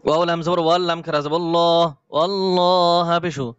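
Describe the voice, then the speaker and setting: A man teaching Quran reading to beginners, spelling out each letter and reciting the verses slowly and deliberately. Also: sits high, fairly even intonation, clear, resonant tone, no echo, dull audio.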